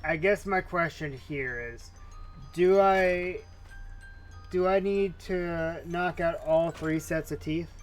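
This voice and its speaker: A man's voice: a little high, slow, faint music behind. A man hosting a playthrough, giving casual commentary as he games. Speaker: gamer, host of a playthrough.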